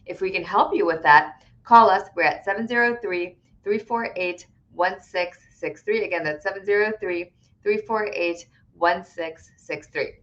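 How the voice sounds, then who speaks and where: A woman's voice: on the low side, normal speed, fairly bright tone, lo-fi sound. A woman immigration attorney answering viewer questions on a live stream in a conversational, explanatory way, with frequent "right?" tags and filler words. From Connecticut, USA.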